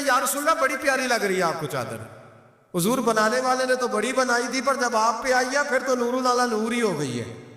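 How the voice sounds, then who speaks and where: A man preaching an emotional sermon, telling stories and chanting poetry in a slow, drawn-out sing-song. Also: bright, forceful tone. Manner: storytelling with sudden drops in pitch and voice. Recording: echoey hall with long reverb.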